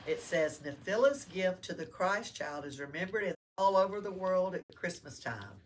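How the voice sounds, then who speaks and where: In a library, a woman works as a storyteller, reading a storybook aloud to children in a lowish, expressive voice at a moderate pace. A distant room mic captures her along with faint background noise.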